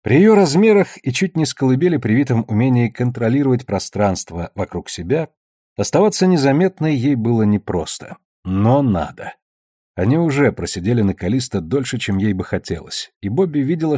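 A man narrating a novel as an audiobook reader, in an even, measured way. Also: medium pitch, breathy edge, dry recording, clean studio sound.

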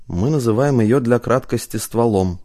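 A man's voice: medium pitch, normal speed, dark tone, natural voice. A man voicing a male security inspector in an audiobook, talking in a clipped, businesslike way. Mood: matter-of-fact.

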